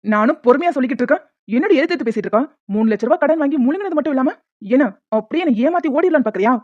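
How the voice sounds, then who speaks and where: A woman's voice: sits high, animated, rapid-fire, a little mellow, dry recording. A woman voicing a brutal male loan shark. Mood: menacing. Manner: threatening, bullying, crude. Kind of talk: cartoon voice dubbing. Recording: tinny phone-like, dry.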